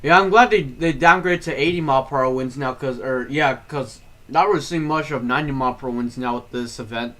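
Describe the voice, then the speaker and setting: A man talks through live storm coverage in a loose, rambling way. He corrects himself often and fills the pauses with "uh" and "um". His voice sits at a middle pitch. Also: a bit bright. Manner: casual, rambling, frequent fillers and self-corrections. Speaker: storm streamer. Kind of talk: live weather stream commentary.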